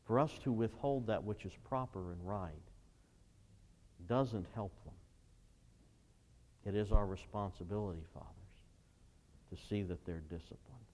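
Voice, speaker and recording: A middle-aged man preaching a sermon as pastor, emphatic, rising to loud bursts and reading scripture aloud. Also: fairly low pitch, a little slow, pauses often. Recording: long reverb of a large church hall.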